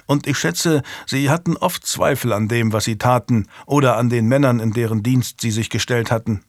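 A man voicing a proud, defiant male lord who speaks in a sardonic, measured way, in a dry studio recording. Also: mid-range voice, no echo, close to an everyday voice.

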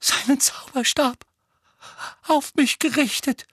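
A man voicing a frightened, shaken teenage boy who murmurs hoarsely. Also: extremely high pitch, steady tone, slow pace, a bit bright, no echo, studio quality, pitched above the performer's own voice, heavily acted.

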